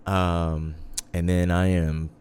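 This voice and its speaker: A man's voice: sits low, little pitch movement, takes it slowly, darkish tone, smooth. A man hosting a casual internet radio show, chatty and laid-back, often calling his listeners "guys" and mixing in dry sarcasm.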